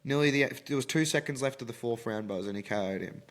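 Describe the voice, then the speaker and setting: A man's voice: medium pitch, fast talker. A young man with an Australian accent having a casual, slangy, blokey sports chat with plenty of swearing. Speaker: fight prediction podcast host.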